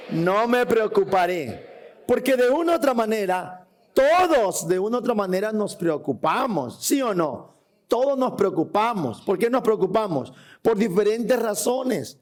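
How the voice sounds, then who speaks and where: A man's voice: high-pitched, darkish tone. A man preaching a sermon to a church congregation. He reads scripture aloud and puts questions to the listeners. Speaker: pastor. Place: church hall before a congregation.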